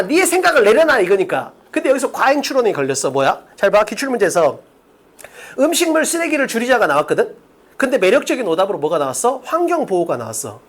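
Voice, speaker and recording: A woman with a fairly high, very lively voice teaches exam English at a blackboard. She talks briskly and emphatically, firing questions and answering them herself. She acts out quoted speakers in a raised voice. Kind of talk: exam-prep lecture at a blackboard.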